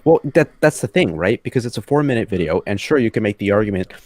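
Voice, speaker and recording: A man argues his point step by step in a measured, lecturing tone and keeps putting rhetorical questions to the listener. His voice is low, and it sounds close and dry, with no room around it. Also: animated, darkish tone, dry recording. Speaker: guest debater. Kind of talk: argumentative discussion.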